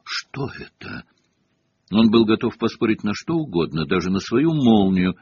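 Husky man reading a storybook. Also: on the low side, fairly quick, no echo. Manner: expressive storytelling. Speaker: audiobook narrator. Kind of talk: audiobook reading. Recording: dull lo-fi cassette audio.

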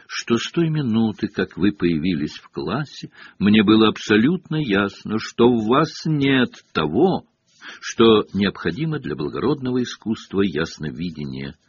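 A man voicing a dreamy, eccentric older woman seer who teaches, speaking in a hushed, slow, mystical way. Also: fairly low pitch, very animated, husky, exaggerated voice. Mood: cold disdain. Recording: dull lo-fi cassette audio.

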